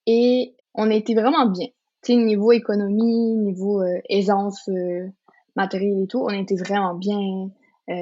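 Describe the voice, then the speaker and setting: A woman's voice: mid-range voice, dark tone. A woman in her twenties from Colombia, sharing her personal faith story as a podcast guest in an earnest, casual way with many fillers and restarts. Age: 20s. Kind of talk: casual testimony chat. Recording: slightly dull lo-fi sound.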